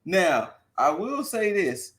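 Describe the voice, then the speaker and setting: Man with a lively, high-ish voice. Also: slow pace. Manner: easygoing, retells scenes. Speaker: podcast co-host. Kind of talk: casual movie review chat.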